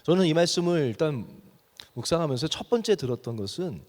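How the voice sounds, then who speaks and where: Animated Korean man preaching in a reverberant hall. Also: on the high side, fairly quick. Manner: animated preaching, acting out anguished prayers to God. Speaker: pastor. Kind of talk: sermon.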